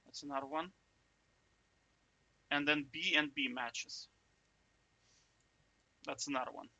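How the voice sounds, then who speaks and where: A man's voice: fairly high pitch, steady tone, slow, bright, forceful tone, highs cut off. A man giving a casual, chatty coding walkthrough, thinking aloud and checking in with the viewer. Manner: chatty, self-interrupting, jokey asides; checks in with "right?" often. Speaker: coding tutor.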